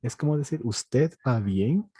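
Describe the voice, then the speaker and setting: A man teaching an online language lesson, explaining patiently and repetitively, often checking in with tag questions and slowing down to model pronunciations. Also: mid-range voice, animated, mellow, slightly rough, no echo. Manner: slow, drawn-out model pronunciations. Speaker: French teacher.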